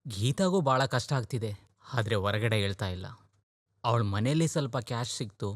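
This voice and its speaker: A man's voice: medium pitch, animated, a little fast, dry recording, clean studio sound, natural voice. A man voicing a worried, caring older brother in a dubbed film, speaking earnestly and coaxing. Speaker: film character in a dub.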